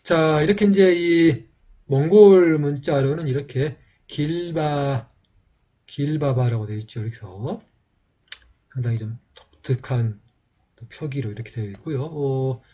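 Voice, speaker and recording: A man gives a lesson on old scripts, pausing often and filling gaps with small words. His voice is dark and a little husky. The recording sounds dull and muffled. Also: on the high side. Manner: slow, halting explanation with many fillers. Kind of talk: lecture on a video channel.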